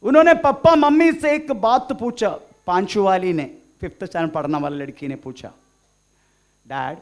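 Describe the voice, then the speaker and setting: A man's voice: high-pitched, normal speed. A man preaching a sermon in Hindi, mixing in English phrases and often calling out "praise the Lord" and "amen". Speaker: pastor.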